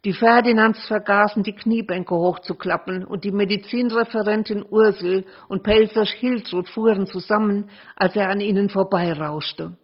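A woman reads aloud from her novel with dramatic flair, shifting between hushed and louder passages. Her voice is husky and sits fairly low. The recording sounds muffled. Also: normal speed. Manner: dramatic, lively narration with shifts in loudness. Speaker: author reading from her novel. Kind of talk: expressive literary reading.

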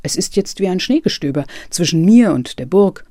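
A reader voicing a frail, exhausted male writer whose voice is soft and hoarse with a slight break, speaking earnestly. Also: high voice, lively intonation, normal speed, no echo, studio quality. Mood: weary.

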